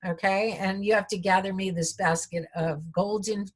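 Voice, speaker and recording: A woman's voice: medium pitch, steady tone, moderate pace, close to an everyday voice. A woman storyteller voicing a cruel, haughty goddess who speaks in a scornful, commanding way.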